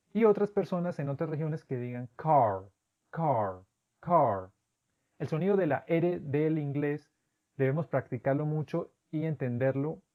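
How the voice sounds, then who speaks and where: A man whose first language is Spanish, patiently teaching English pronunciation step by step and repeating sample words slowly. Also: medium pitch, lo-fi sound. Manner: patient, methodical, drawn-out demonstration words. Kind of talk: instructional explanation.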